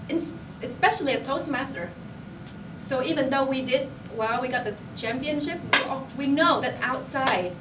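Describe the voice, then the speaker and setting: A young woman giving a motivational speech to her colleagues. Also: fairly high pitch. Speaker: company employee addressing colleagues. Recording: roomy, noisy recording from far off.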